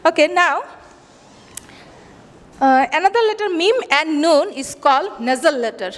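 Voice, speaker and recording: A woman teacher giving a lesson, explaining slowly in English, then repeating faster in Bengali and asking questions she answers herself. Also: sits high, expressive, slight background noise. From Bangladesh. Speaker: school teacher. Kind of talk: classroom lesson. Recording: long hall reverb.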